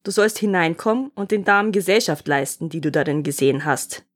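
A woman's voice: fairly low pitch, a little fast, lightly acted. A woman voicing a cruel, murderous nobleman husband in a fairy-tale reading, harsh and commanding as he issues threats. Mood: menacing.

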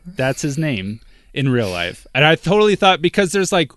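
A man's voice: fairly high pitch, very animated, normal speed, a bit bright, no echo. A young man co-hosting a podcast, chatting casually about a film, with lots of "like" and "dude" and frequent laughs. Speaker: podcast co-host. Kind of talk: casual film discussion chat.

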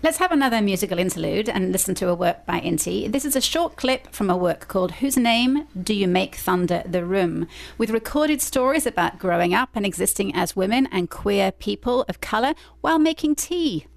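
Radio host, female; steady mid-range voice with some gravel, plain segment introductions. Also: mid-range voice, normal speed. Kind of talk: radio interview hosting.

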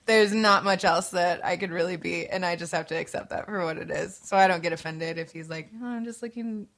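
A woman's voice: on the low side, fairly even intonation, fairly quick, a bit bright. A woman actor co-hosting a casual podcast, bubbly and laughing often as she talks. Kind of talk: casual chat.

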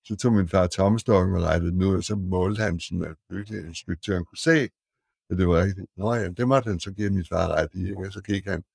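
An older man, a retired architect, telling anecdotes as a podcast guest in a halting, word-searching way. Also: deep voice, creaky, darkish tone, husky, no echo.

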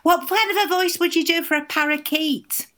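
A woman's voice: very high-pitched, moderate pace. A woman hosting a chat, chiming in with short affirmations and calling her guest love. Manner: warm affirming interjections, calls guest love. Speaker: host. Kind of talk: casual chat.

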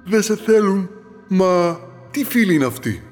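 A playful, teasing fallen star with a patient, wise streak, as a man acts it. The voice is fairly high and very animated. A long reverb and soft music sit around it in this children's audio story.

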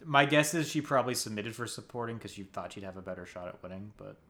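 A man hosting a casual chat about TV awards, earnest and quick to laugh, with hesitant fillers. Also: fairly low pitch, animated, bright, forceful tone. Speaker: podcast host.

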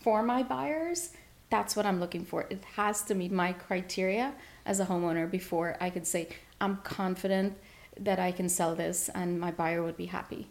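A woman from Guyana, a real estate agent, talking as a guest in an interview with energetic, quick restarts. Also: on the low side.

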